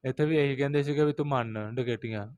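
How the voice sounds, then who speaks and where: A man's voice: medium pitch, fast talker, a little mellow, clear, resonant tone, highs cut off. A man with a Pakistani Punjabi accent, a rickshaw driver interviewed in the street, recounting events and quoting others over and over.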